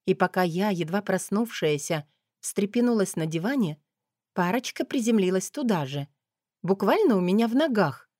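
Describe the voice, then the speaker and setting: A woman narrating a first-person novel in an expressive, sardonic manner. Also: mid-range voice, normal speed, no room sound, clean studio sound. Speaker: audiobook narrator.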